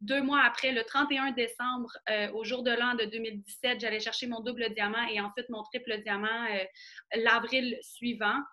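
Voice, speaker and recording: A woman from Quebec with a Québécois accent, talking fast with lots of fillers while giving a training over a video call. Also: a little high, fairly even intonation, sharp tone. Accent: Québécois French. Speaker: guest trainer. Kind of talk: casual online training talk.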